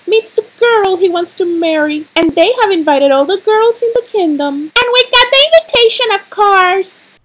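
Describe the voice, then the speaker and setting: A very high, squeaky girl's voice, spoiled and spiteful. This haughty storybook stepsister talks like a vain brat. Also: a bit bright, full character voice, poor audio. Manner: haughty, bratty.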